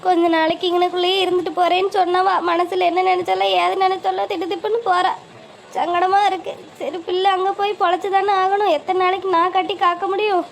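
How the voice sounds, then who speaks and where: A woman voicing a worried, tearful older village mother in an animated family drama, speaking. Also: very high voice, fast talker, vocal fry. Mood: anxious pleading. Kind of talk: cartoon voice acting. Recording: faint ambient noise.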